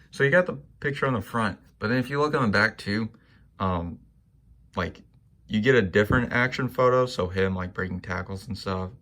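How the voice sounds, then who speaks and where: A young man casually talking through his sports card pickups, relaxed and rambling with plenty of fillers. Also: lowish voice, gravelly. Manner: relaxed and rambling, many ums and likes. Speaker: sports card collector vlogger. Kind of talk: casual monologue showing cards.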